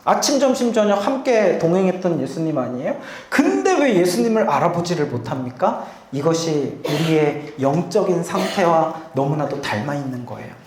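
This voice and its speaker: Pastor, sermon, lively swinging delivery, rhetorical questions to the congregation, echoey church sanctuary. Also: mid-range voice, normal speed, a little hiss or hum.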